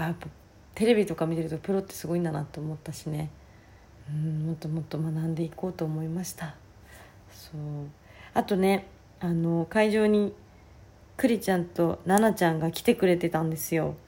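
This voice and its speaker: A woman with a hoarse, raspy voice talking casually on her own as a podcast host. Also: fairly low pitch, dark tone. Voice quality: husky, raspy. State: hoarse voice, worn out from the day before. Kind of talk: casual solo chat.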